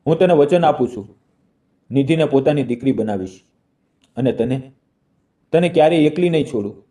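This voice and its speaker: A man voicing a kind, poor young man who speaks softly and tenderly, in a storybook reading. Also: medium pitch, normal speed, far from the mic, close to an everyday voice.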